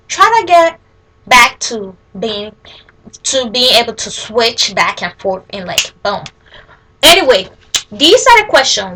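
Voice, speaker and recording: Bright-voiced Liberian woman, unhurried casual chat. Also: on the high side, a little hiss or hum, rough recording. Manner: informal, halting, with self-corrections mid-sentence. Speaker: vlogger answering accent tag questions. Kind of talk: casual chat, answering questions aloud.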